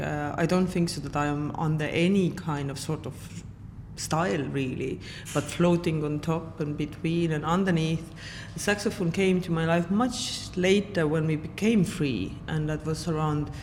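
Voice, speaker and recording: In a hall with long reverb and faint background noise, a saxophonist from Estonia, a woman in her forties, answers interview questions in a reflective, halting manner with many fillers. Her voice is deep and darkish, carrying an Estonian accent.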